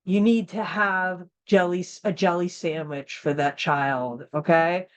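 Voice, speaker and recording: An American woman with a lowish voice teaches an informal training lesson for school founders, speaking slowly and plainly with fairly even intonation. As the course instructor, she repeats key points for emphasis.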